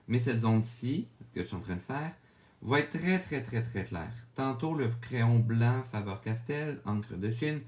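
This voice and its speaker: A man with a Québécois French accent narrating a drawing tutorial, calmly explaining each step and often checking in with viewers. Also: mid-range voice. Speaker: drawing instructor.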